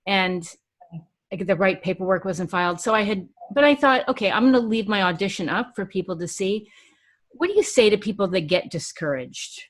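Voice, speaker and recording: Woman host of an interview show, relaxed and conversational, hesitates with ums. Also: medium pitch, a little fast. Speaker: podcast host. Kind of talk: casual interview chat.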